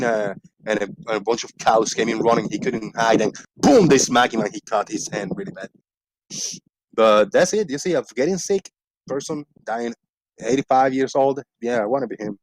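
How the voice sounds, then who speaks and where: A man's voice: mid-range voice, slight background noise, low-quality recording. A man in his forties from Puerto Rico with a Puerto Rican accent, a native Spanish speaker chatting loosely on his livestream, laughing and swearing, with a little frog in his throat. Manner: rambling, laughing, swears freely. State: slight frog in the throat, clearing it. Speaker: livestream host. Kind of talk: casual livestream chat.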